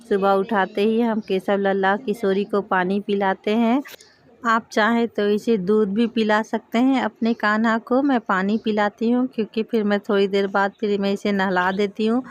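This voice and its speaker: A woman calmly showing a home worship routine step by step, speaking gently and affectionately. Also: mid-range voice. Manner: gentle, affectionate, speaks softly to the idols as to babies. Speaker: devotional home vlogger. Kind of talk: calm step-by-step ritual demonstration. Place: home puja area, indoors.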